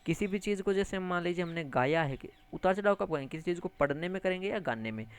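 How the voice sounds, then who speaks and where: A man teaching an exam-prep lesson, animated, repeating key terms and addressing listeners as friends, with English words mixed into his speech. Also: sits high, quick pace, clear, resonant tone. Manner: mixes English words into lecture.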